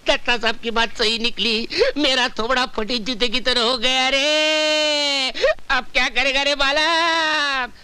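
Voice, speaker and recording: A man's voice: very high voice, fairly even intonation, takes it slowly, sharp tone, clean tone, no room sound, heavily acted. An actor playing a cowardly, bumbling male servant in a 1990s Bollywood film comedy, whining and pleading. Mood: wailing. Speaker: comic servant.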